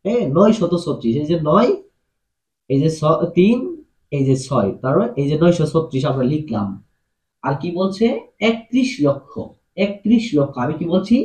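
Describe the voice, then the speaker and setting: A man's voice: fairly high pitch, very animated, moderate pace, a little mellow. A man teaching a math lesson, explaining patiently and asking his students questions as he goes. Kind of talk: classroom-style math lesson. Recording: echoey room.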